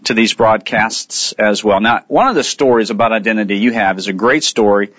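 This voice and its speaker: A man's voice: fairly low pitch, fairly quick, fairly bright tone, dry recording. Earnest male radio ministry host. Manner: earnest, conversational, reads rap lyrics aloud. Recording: dull lo-fi studio sound with faint music.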